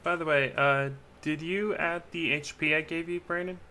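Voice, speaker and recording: A man playing in a tabletop game, talking in a brisk, practical way. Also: a little high, steady tone, bright, forceful tone. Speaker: player. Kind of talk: casual role-play chat.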